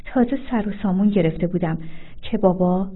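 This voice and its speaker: A woman reader voicing a distressed young husband with a low, subdued delivery. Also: natural voice. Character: distressed young husband, shaken by bad news. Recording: phone-like narrow sound.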